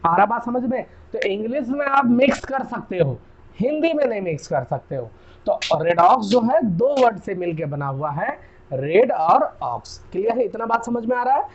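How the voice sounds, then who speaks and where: A young Indian man with an Indian accent, giving a chatty chemistry lesson and often checking "clear?". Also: sits high, dull audio. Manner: chatty, repeats key terms, asks "clear?". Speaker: chemistry teacher. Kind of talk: casual classroom lecture.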